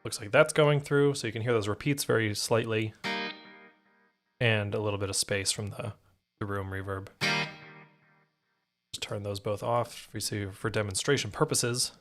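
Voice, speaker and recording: A man's voice: on the low side, fairly even intonation, moderate pace, pauses often. A man hosting a live stream, talking casually through a guitar pedal demo with loose, rambling explanations and self-corrections. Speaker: podcast host demoing guitar gear on a live stream.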